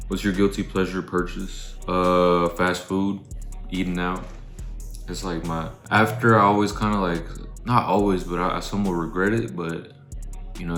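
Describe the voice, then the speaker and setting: A young man with a very low voice answers questions casually while eating, words muffled by a mouthful of food. He is laid-back and slangy, thinking aloud, in a roomy, echoey space with music behind him. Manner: mouth full, talking while eating cereal. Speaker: content creator.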